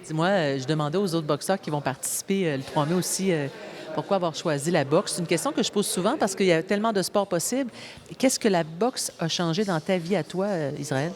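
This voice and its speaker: Low-voiced woman reporter. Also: a little fast, crowd noise. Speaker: TV reporter and host. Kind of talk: community TV interview.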